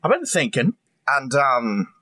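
A man's voice: medium pitch, sing-song, a little slow, sharp tone, full character voice. A man voicing a crafty male goblin hiding in human disguise, chatty and hesitant. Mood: casual.

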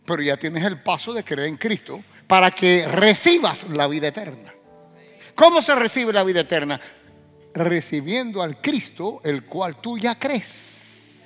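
A man preaching a sermon as pastor, calling out questions to the congregation and breaking into loud, rising bursts. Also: sits high, sing-song, measured pace, big-room sound, soft background music.

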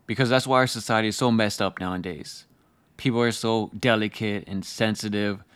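A man delivering a motivational speech as a speaker, blunt and forceful, hammering out short emphatic phrases. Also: lowish voice, fairly even intonation, a little fast, clean tone, dry recording.

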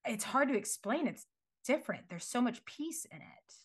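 A young woman, a guest, shares her faith testimony in casual chat. Her husky voice is fairly high with lively intonation at a normal speed, and she talks earnestly, laughs often and peppers her speech with "like" and "you know".

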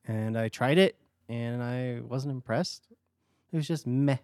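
A married man co-hosting a casual podcast, speaking quickly and offhandedly. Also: mid-range voice, darkish tone, no echo, studio quality. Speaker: podcast co-host. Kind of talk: casual chat.

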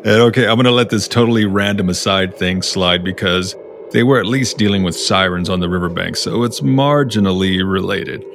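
A man's voice: low voice, brisk, fairly bright tone, slight background noise. A man co-hosting a podcast in casual banter, teasing and wisecracking. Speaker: podcast co-host.

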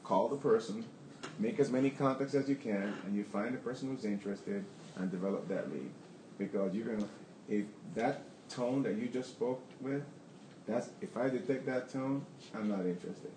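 A man's voice: fairly low pitch, normal speed, darkish tone, reverberant, a little hiss or hum, poor audio. A man who owns a plumbing business, answering audience questions candidly and rambling with restarts. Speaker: plumbing business owner on a panel.

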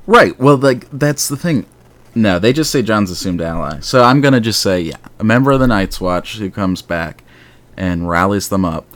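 Deep male podcast host, casual fan-chat delivery, rambling and animated. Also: moderate pace.

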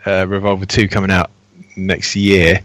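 A man's voice: deep voice, little pitch movement, normal speed, a bit bright, no echo. A man co-hosting a podcast in casual conversation. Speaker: podcast co-host. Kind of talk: casual chat.

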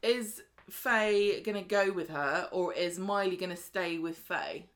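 A woman with a lowish voice and a fairly bright tone co-hosts a podcast. She chats casually while recapping a soap, quickly voicing the characters' lines as she goes.

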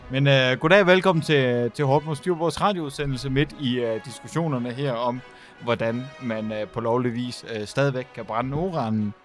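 A man's voice: mid-range voice, soft background music. A man hosting a casual comedy podcast, talking with lots of fillers and laughing often. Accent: Danish. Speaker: podcast host.

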